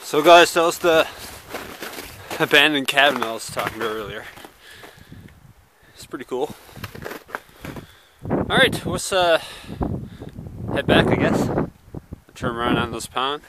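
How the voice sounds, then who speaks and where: A young man vlogging casually outdoors on a snowmobile, talking in a relaxed, halting way with fillers, recorded on an action camera. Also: mid-range voice. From Newfoundland, Canada. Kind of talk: casual vlog narration. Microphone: action camera mounted on snowmobile. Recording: loud wind noise, outdoor camera mic.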